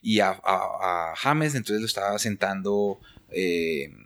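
A man with a Colombian accent, giving his views as a guest in a relaxed conversation. His voice sits on the low side. He speaks with conviction and often circles back to restart a thought. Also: slow. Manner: passionate, opinionated, frequent restarts. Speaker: guest photographer. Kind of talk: casual interview chat.

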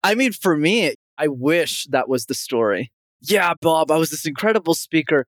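A young communication coach from Montreal, Canada, answers interview questions with confident energy, often saying the host's name. His voice is on the high side at a moderate pace, in a dry, studio-quality recording.

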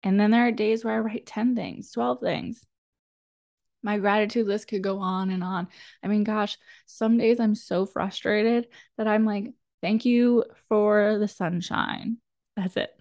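A woman's voice: medium pitch, steady tone, unhurried, vocal fry, darkish tone, no echo, clean studio sound. A woman giving a motivational self-help talk as a podcast host, earnest and encouraging, speaking straight to the listener.

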